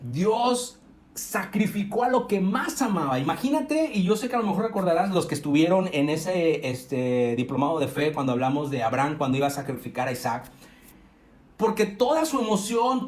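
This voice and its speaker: A middle-aged man from Mexico preaching a youth sermon, earnest, rising and slowing down to stress his points. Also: high voice, a little mellow. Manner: earnest, rises and slows for emphasis, frequent self-corrections. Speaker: youth pastor. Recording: echoey room.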